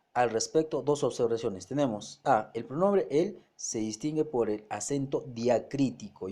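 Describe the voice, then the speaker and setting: A man's voice: mid-range voice, mellow. A male teacher, giving a grammar lesson step by step, often restarting words and checking that students follow.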